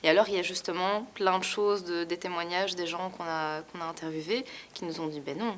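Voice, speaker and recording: A woman's voice: lowish voice, steady tone, a little fast, slight background noise. Young Palestinian woman narrating. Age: young adult. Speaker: interviewer and narrator. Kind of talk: reading narration and interviewing.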